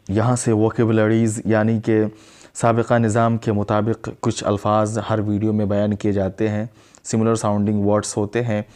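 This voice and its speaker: Slow, deliberate low-voiced male teacher. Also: darkish tone. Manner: slow, deliberate word drilling, repeating each word. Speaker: English teacher. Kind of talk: spoken English lesson.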